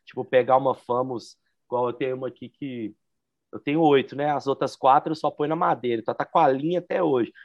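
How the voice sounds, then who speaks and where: A man's voice: medium pitch, fairly even intonation, fast talker, dry recording, dull audio. A man with a Brazilian accent in a casual, slangy conversation, talking as one skater to another about gear. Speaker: inline skater discussing gear. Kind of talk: casual chat.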